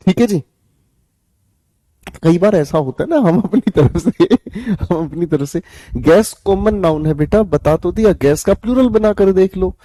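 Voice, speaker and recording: A man's voice: high-pitched, mellow, dry recording. A male teacher leading a live online grammar class, coaxing students and repeating his questions, then answering them himself with playful scolding.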